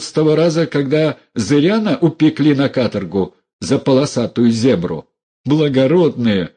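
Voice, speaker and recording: A man's voice: medium pitch, mellow, husky, pitched above the performer's own voice. A man voicing a furious, defiant young woman who hurls scornful accusations at her relatives.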